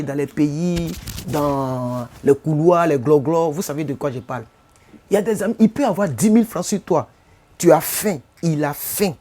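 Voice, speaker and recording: A man's voice: a little high, warm tone. A man from Côte d'Ivoire with an Ivorian French accent, speaking casually in a live stream. He repeats himself often and keeps asking his viewers whether they follow him. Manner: repetitive, addresses viewers with rhetorical questions.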